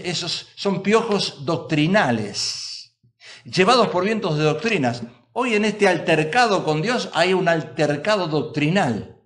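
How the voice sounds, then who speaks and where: A man's voice: high voice, fairly bright tone. A male pastor preaching a sermon in a church, emphatic and full of rhetorical questions to the congregation.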